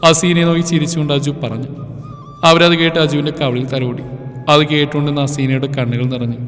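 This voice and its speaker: Male narrator for a serialized audio novel, measured, reverberant, music bed. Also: on the high side, flat delivery, a bit bright. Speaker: storyteller.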